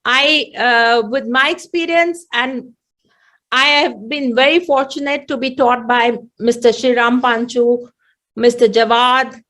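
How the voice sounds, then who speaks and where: Lecturing online as a mediator, a woman with an Indian accent speaks in a high, bright, forceful voice. She explains things deliberately, circling back over repeated phrases, with a slightly choked throat.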